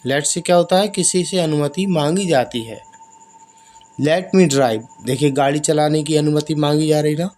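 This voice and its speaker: A man teaching basic English in Hindi, explaining each example and repeating the phrases slowly. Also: a little high, a little mellow, slight background noise. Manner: slow, drawn-out repetition of example phrases.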